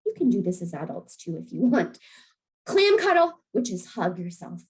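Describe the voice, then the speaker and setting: Gentle, encouraging woman teaching breathing. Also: lowish voice, lively intonation, a little fast, poor audio. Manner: gentle, encouraging, laughs easily. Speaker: early years program facilitator. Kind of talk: friendly instructional demonstration.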